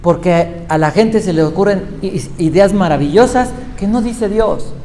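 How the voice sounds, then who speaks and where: A man's voice: high-pitched, unhurried, dark tone. A male pastor giving a sermon, retelling Bible stories and putting questions to his listeners. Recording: echoey hall with faint noise.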